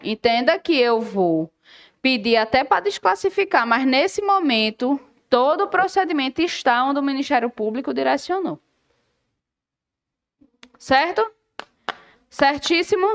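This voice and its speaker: Speaking at a moderate pace, a female law teacher with a bright, high voice leads an energetic lesson to prepare students for exams. Her habit is to pose question after question to the class and supply the answers on her own.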